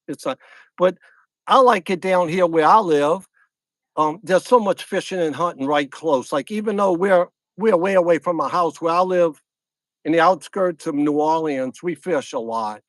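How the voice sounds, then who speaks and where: A middle-aged man with a Louisiana accent chats loosely through a phone livestream from a lakeside camp at night. His voice sits fairly high for a man, and the sound is dry and close. He rambles, repeats his lines and greets viewers one by one. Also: fairly bright tone, no echo. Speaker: fishing channel host. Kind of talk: casual livestream chat.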